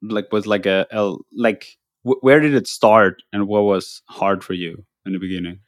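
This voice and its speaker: A man hosting a podcast, asking curious, halting questions in a casual interview. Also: lowish voice, steady tone, no echo, studio quality. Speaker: podcast host.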